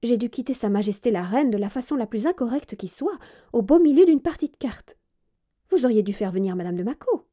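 A woman's voice: fairly high pitch, lively intonation, brisk, warm tone. A woman doing a haughty young governess. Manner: haughty, put-upon.

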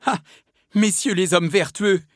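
A man voicing a cornered young noblewoman villain, shrill and pleading in a storybook reading. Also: normal speed, slightly rough, no room sound, studio quality, lightly acted. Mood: defiant, furious.

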